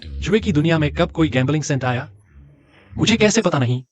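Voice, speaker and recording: An actor playing a steady young husband who stays firm under threat in a dubbed short drama. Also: male voice, fairly high pitch, brisk, soft background music, natural voice. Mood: mocking. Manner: firm, insistent. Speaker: lead, husband.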